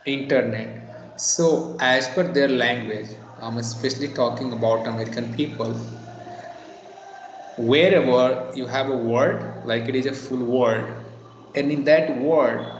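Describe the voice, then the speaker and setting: A man's voice: medium pitch, slow, slight background noise. A man tutoring a student in on a video call, patiently explaining and repeating words to model their sound. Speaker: English teacher. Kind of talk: online one-on-one tutoring. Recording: echoey, dull video call audio.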